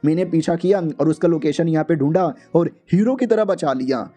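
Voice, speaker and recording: A possessive young boss with a short fuse, barking orders and bragging about himself, as a male narrator puts him on. His voice stays high and soft-toned despite the rough talk. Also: moderate pace, faint music behind, lightly acted. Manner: bossy, rough, boastful.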